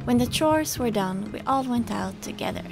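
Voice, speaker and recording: Young Swedish-accented woman, relaxed chatty vlog narration, music bed. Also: on the high side, moderate pace, vocal fry. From Sweden. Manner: relaxed, chatty, many fillers. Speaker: sailing vlogger. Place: sailboat cockpit and dockside outdoors.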